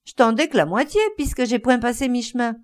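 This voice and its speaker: A woman's voice: a little high, a little fast, voice pushed up, lightly acted. A woman voicing a stubborn male peasant farmer who grumbles in rustic speech.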